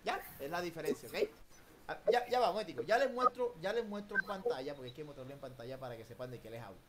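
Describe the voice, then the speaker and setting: Un profesor de inglés con acento latinoamericano en una clase en línea por videollamada, que corrige la pronunciación con entusiasmo y mezcla español e inglés. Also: male voice, fairly high pitch, fast, a loud crowd. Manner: lively, drills pronunciation, mixes Spanish and English. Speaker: English teacher. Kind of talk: online class. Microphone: video call.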